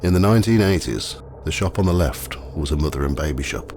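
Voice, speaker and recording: A man narrating a scripted ghost walk as the guide, telling the stories in a measured, matter-of-fact way. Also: extremely low pitch, animated. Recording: clearly noisy, ambient sound behind.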